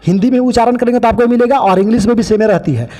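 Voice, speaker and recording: A man's voice: very high voice, racing, dark tone, in a large hall. A man teaching biology, pointing out other teachers' mistakes in a critical, explaining way. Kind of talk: online lesson commentary.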